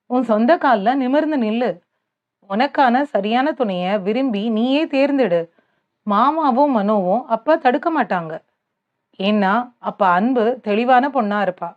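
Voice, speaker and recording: A woman reading a gentle advising young man. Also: on the high side, lo-fi sound. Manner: soothing, advising tone. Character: young man, teasing then gently fatherly.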